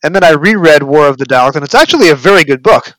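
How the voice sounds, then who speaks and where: A man's voice: fairly high pitch, animated, fast talker, fairly bright tone, no echo, low-quality recording. An American man chatting casually as a podcast host. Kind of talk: casual interview chat.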